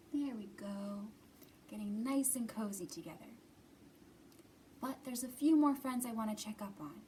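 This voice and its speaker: This storytime host at a library has a high, somewhat mellow voice, with a faint hiss or hum in the audio. She reads to young children in simple, encouraging language and leads puppet play and singing indoors.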